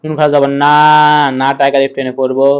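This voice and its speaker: A man teaching Quran reading. He spells out each letter slowly and then chants the whole word. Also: mid-range voice, level tone, darkish tone, clean tone, dull audio. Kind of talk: step-by-step recitation lesson.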